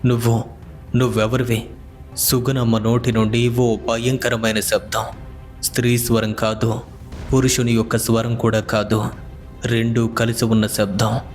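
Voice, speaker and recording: Guy narrating a scary story, flat steady voice, soft music under it. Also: medium pitch, measured pace. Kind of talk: scripted horror narration. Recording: faint music behind the voice.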